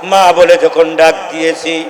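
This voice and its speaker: A man delivers a sermon, drawing his words out slowly in a voice pitched a little high. He chants verses and swells into shouting, tearful appeals. The sound rings through a large hall with a long echo. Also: little pitch movement, a crowd in the background. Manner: chanting Quranic verses, then shouting and crying in emotional peaks. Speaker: preacher. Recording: echoey hall with long reverb.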